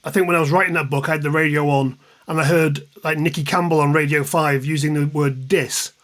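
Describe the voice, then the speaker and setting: A fifties-aged man with an English accent, from the East Midlands, speaks briskly at a fairly high pitch, his tone steady and fairly bright. He's a music journalist and author, guesting in an interview and casually reminiscing with anecdotes and self-deprecation.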